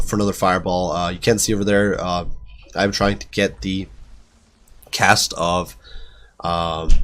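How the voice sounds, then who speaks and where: A man's voice: sits low, slight background noise. A man with a sick, nasal voice giving chatty game battle commentary, with many fillers. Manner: chatty, quick, lots of fillers. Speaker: gaming commentator.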